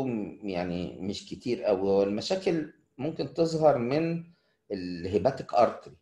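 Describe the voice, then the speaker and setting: Middle-aged Egyptian lecturer, casual and chatty, animated delivery. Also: male voice, mid-range voice, roomy sound. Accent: Egyptian Arabic. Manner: chatty, addresses students as kids, answers questions. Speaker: surgery lecturer.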